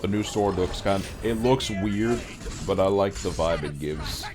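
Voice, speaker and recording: A man's voice: sits low, unhurried. A man streaming a video game and chatting casually, with slangy, laid-back, playful trash talk. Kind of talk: casual gaming commentary. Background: game music.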